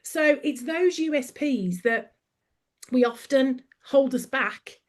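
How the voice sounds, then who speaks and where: Speaking slowly with lively intonation, a woman with a high voice guests on a podcast. She's from England, has a Birmingham accent, and laughs easily while telling animated stories.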